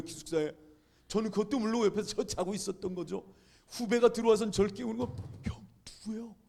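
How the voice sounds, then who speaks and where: Gravelly-voiced male pastor telling a story. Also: on the high side. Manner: storytelling, acts out dialogue with sudden loud outbursts. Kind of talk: sermon with personal story.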